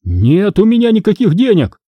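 A man's voice: huge pitch swings, moderate pace, no room sound, highs cut off, full character voice. A man voicing a haughty, middle-aged rich businessman who gives orders and protests. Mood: frightened. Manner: haughty, shrill, commanding. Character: indignant rich middle-aged businessman, pompous then frightened.

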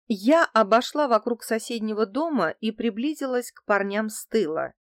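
A woman's voice: mid-range voice, no room sound, studio quality. A woman reading a crime novel aloud in the first person, telling the story steadily. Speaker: audiobook narrator. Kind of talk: first-person scripted narration.

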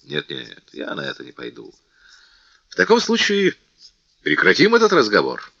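A man reading the part of a noble, dignified count and old soldier who speaks in a calm, measured way. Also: medium pitch, gravelly, no echo, dull audio, voice pushed up, full character voice.

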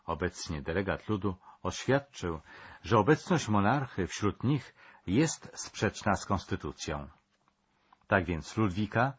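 Deep husky male documentary narrator. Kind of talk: scripted history documentary narration. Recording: dull lo-fi sound.

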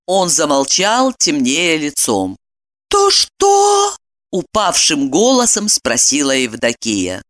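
A woman narrating an audiobook in an animated, theatrical way. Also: deep voice, measured pace, hardly any pauses.

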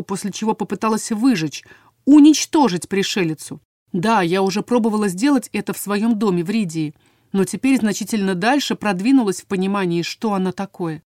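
Casting: woman audiobook narrator, expressive first-person reading, mid voice, dry close studio sound. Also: mid-range voice, no echo.

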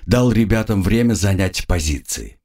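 A man reads a novel aloud in a grave storytelling manner. His voice is husky and fairly low, and his pitch moves in lively swings. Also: moderate pace. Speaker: audiobook narrator. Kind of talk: scripted narration.

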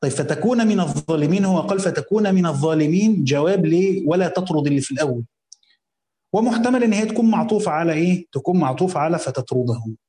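A man with an Egyptian accent reading a classical religious commentary aloud, slowly voicing the text, then explaining it in casual colloquial asides. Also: a little high, animated, mellow, roomy sound. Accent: Egyptian Arabic.

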